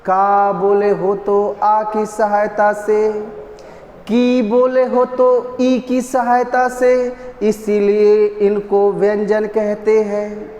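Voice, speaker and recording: A man's voice: sits high, completely flat delivery, drawn-out words, darkish tone, lo-fi sound. A man teaching an exam-prep lesson, repeating terms and chanting lines to drill them. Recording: echoey roomy reverb.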